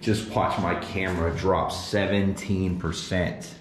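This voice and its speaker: A man in his thirties hosts a casual solo ghost-hunting vlog at an abandoned jail at night, moving between the inside and just outside. His low-pitched voice is slow and flat as he talks in a slangy, uneasy way to viewers and spirits. The empty building echoes, with faint noise.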